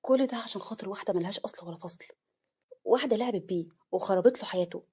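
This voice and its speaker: A woman with an Egyptian Arabic accent narrating a family drama story in a quick, dramatic reading style. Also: medium pitch, mellow, breathy edge.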